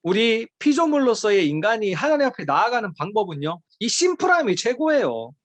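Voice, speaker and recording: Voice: mid-range voice, very animated, fairly quick, no echo. A preacher giving a sermon to a youth group, emphatic and pleading, with many rhetorical questions.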